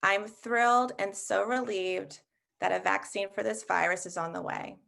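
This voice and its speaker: A woman who heads a school giving a measured assembly address, listing each grade in turn, speaking from home. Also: medium pitch, fairly even intonation, creaky. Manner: measured, warm listing to students. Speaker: head of school.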